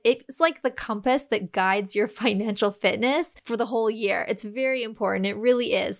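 A woman hosting her own podcast, talking casually and upbeat with small laughs between points. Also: mid-range voice. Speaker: podcast host. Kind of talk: casual solo podcast talk.

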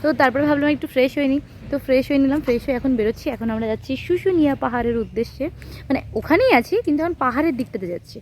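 A woman's voice: high voice, animated, very fast, a little mellow, a little hiss or hum. A woman, giving an enthusiastic on-location vlog tour and exclaiming over hills and rooms. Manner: enthusiastic, chatty, exclaiming at the view. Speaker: travel vlogger. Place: outdoors and in a hostel room.

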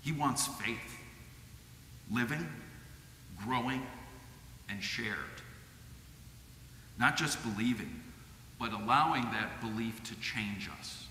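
A middle-aged man with a Midwestern American accent delivers a sermon from a lectern microphone in a measured, earnest manner. His voice has a bright tone and reaches the mic with a long church reverb and a faint hum of ambience behind it. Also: medium pitch. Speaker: lay preacher. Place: church sanctuary with stained glass. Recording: echoey church hall.

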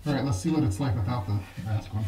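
A man's voice: medium pitch, fast, warm tone. A man in his thirties talking casually through a gas mask while testing it, his voice muffled. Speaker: product reviewer. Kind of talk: casual product test. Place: small tiled bathroom, indoors. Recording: echoey small bathroom, faint noise.

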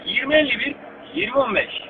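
A man's voice: very high voice, animated, brisk. A man working as a police radio dispatcher, speaking over a walkie-talkie in clipped, repetitive, urgent procedure. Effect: walkie-talkie radio transmission. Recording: tinny, narrow, noisy two-way radio line.

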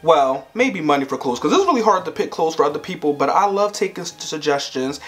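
A man's voice: fairly high pitch, lively intonation, fairly quick, a bit bright. Young man chatting playfully, faint music behind. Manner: chatty and playful, laughs often. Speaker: vlogger. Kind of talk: casual chat to camera.

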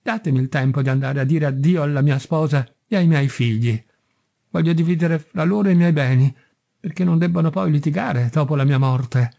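A man reading as a terrified merchant who begs for his life in slow, trembling pleas. The voice is rather high but warm and mellow. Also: creaky. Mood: pleading. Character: frightened, pleading male merchant.

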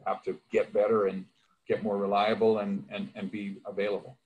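A man in his sixties speaking on a panel over a video call from an office, deliberate and halting with repeats. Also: fairly low pitch, little pitch movement, phone-quality sound, a little hiss or hum. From Canada. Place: office room.

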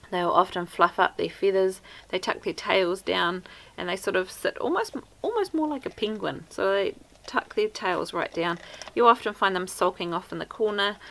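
A woman in her thirties with a New Zealand accent, a homesteader vlogger, stands outdoors by a wooden fence giving casual, practical how-to talk about homestead care to a camera held at arm's length. Her mid-range voice is fairly bright with vocal fry. The recording is low quality with slight background noise.

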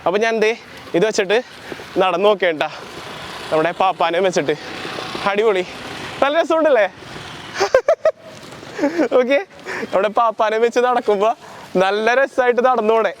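A young man's high-pitched voice moves at a normal speed, pausing often, with a little hiss or hum behind it. He's vlogging outside on a street and in a park, casually narrating his DIY project and playfully addressing viewers as he makes and wears costume puppets.

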